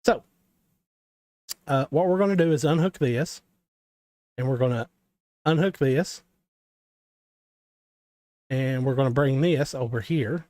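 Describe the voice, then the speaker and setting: A man's voice: medium pitch, slow, pauses often, warm tone, dry recording. A man with a Southern US accent hosting a casual game development tutorial stream, rambling and talking straight to his viewers with joking asides. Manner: rambling, talks to viewers, self-deprecating asides.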